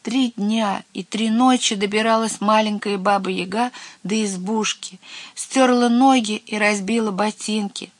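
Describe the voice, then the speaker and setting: A narrator reading a children's fairy tale aloud in an even, expressive storytelling voice. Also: medium pitch, measured pace, dry recording.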